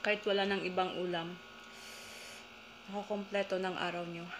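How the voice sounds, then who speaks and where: A woman's voice: lowish voice, level tone, brisk. A young woman with a Filipino accent, chatting to viewers in a casual eating vlog while chewing with her mouth full. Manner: chatty, addresses viewers directly. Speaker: mukbang vlogger. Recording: electrical hum and noise behind.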